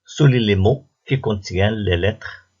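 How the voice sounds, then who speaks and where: A man's voice: fairly low pitch, unhurried, darkish tone, husky, muffled recording. A man teaching a primary school phonics lesson, patiently repeating each answer step by step. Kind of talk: slow classroom phonics lesson.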